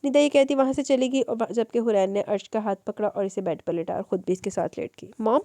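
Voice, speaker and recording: A woman narrating a romance novel as an audiobook in a steady storytelling manner. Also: medium pitch, quick pace, no room sound, studio quality.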